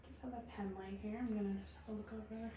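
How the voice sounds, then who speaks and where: A woman doing a soft-spoken ASMR role-play as a medical examiner, calm, reassuring and procedural. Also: mid-range voice, fast talker. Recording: roomy echo, faint background noise.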